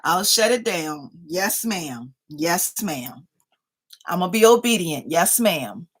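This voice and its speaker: Speaking slowly in a lowish, expressive voice that's fairly bright and slightly rough, this fifty-something woman hosts a casual livestream. She reads viewers' comments aloud, chats playfully, and keeps addressing them as "y'all."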